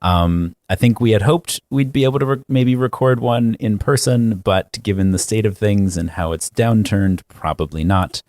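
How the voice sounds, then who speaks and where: A man's voice: on the low side, moderate pace, hardly any pauses, a little mellow, no room sound. A man co-hosting a podcast, speaking in an earnest, reflective way with frequent ums. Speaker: podcast co-host. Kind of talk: casual podcast chat.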